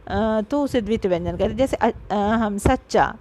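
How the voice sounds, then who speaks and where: A woman teacher giving an online grammar lesson, talking straight to her pupils and slowing down to spell out sounds. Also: medium pitch, darkish tone, slight background noise. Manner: explanatory, addresses pupils directly, stresses syllables slowly.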